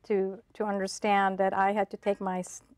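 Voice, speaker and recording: A woman's voice: medium pitch, monotone, normal speed, darkish tone, dry recording. A woman from the Philippines in casual conversation, telling her stories reflectively with many fillers. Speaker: guest.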